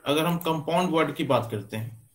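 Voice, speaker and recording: A man giving a classroom lecture, explaining slowly with many pauses and fillers as he points to what he writes. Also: a little high. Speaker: teacher. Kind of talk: classroom lecture on English stress.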